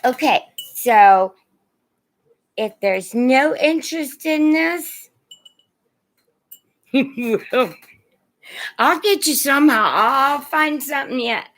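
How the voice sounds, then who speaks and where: Lively and high-pitched, with a fairly bright tone, a Midwestern woman from Indiana, middle-aged or older, stretches out her words and pauses at length while casually selling vintage items on a livestream. She calls her viewers sweet names, and the recording is rough.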